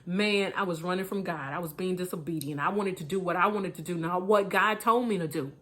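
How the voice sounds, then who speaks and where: A woman's voice: fairly low pitch, a little fast, a bit bright, close to an everyday voice. A woman voicing the prophet Jonah as a man earnestly owning up to the sailors, in her own casual way of talking. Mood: confessing. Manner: plain earnest confession in casual speech.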